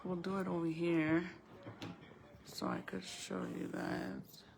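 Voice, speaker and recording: There's noise in the background as she talks. A crafts-and-baking vlogger with a gravelly voice on the low side chats casually and slowly in a level tone, thinking aloud in a rambling way while a retainer slightly impedes her speech.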